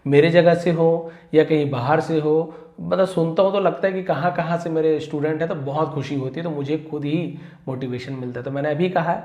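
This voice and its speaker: A man teaching English vocabulary in a YouTube lesson, stressing each English word loudly before explaining it, sounding tired from long work hours. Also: fairly high pitch, roomy sound.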